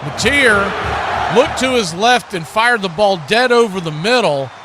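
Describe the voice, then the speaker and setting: Calling a football game live, a high-voiced American play-by-play man speaks a little slowly but with lively intonation. Clipped present-tense calls mix with conversational asides, while a crowd and a clear bed of background noise persist behind him.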